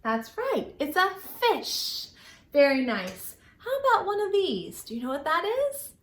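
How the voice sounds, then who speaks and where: A woman with a very high voice leads a children's storytime lesson at a measured pace, using simple, encouraging, exaggerated phrases to teach and pose questions. She is animated and sometimes sing-song, recorded in an echoing indoor space.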